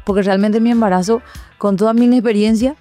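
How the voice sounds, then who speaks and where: A woman sharing a personal testimony in conversation, reflective, often pausing and adding tag questions. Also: medium pitch, fairly even intonation, warm tone, soft background music. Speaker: guest.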